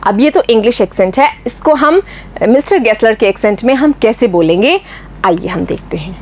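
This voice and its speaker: A woman's voice: on the high side, expressive, normal speed, a little mellow. A woman with an Indian English accent teaching a school lesson, explaining each point in English and repeating it in Hindi with questions to her pupils.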